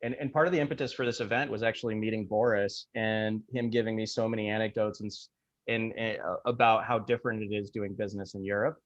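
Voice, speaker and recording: A man moderating a panel over a video call, talking casually with many ums and pauses. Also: on the low side, dry recording. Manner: relaxed, hesitant with many fillers. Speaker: panel moderator, executive recruiter. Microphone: video call microphone. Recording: dry, dull lo-fi video call audio.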